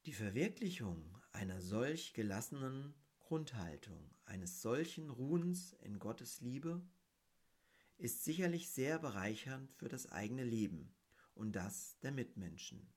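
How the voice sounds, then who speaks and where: Guy lecturing on mysticism, voice rises and falls a lot, takes his time, reads quotes in a deliberate way. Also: mid-range voice, sing-song, darkish tone. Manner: measured and deliberate, stressing key words. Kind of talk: reflective spiritual talk with read quotations.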